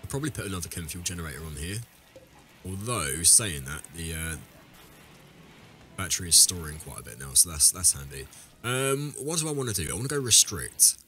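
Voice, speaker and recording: Low-voiced man, sick, rambling. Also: animated, a little fast, pushed and bright, slight background noise. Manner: rambling, self-correcting, talks to viewers. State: ill, deeper voice than usual. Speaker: let's play host. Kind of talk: casual gameplay commentary.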